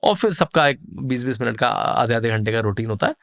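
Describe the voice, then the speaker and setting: A man's voice: mid-range voice, expressive, brisk, vocal fry, a bit bright, no room sound, studio quality. A man, a podcast guest, explaining traditions in a vivid, descriptive way and building scenes with lists. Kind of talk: explanatory storytelling interview.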